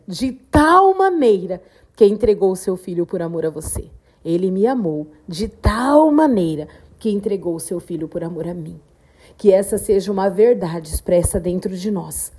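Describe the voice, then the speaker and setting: A woman hosting a devotional podcast, preaching in a slow, fervent way with emphatic repetition. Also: medium pitch, dark tone. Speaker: podcast host, devotional speaker. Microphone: podcast microphone.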